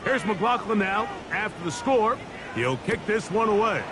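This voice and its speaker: A man's voice: high-pitched, expressive, measured pace, heavy background noise. A man giving live play-by-play commentary on a football game.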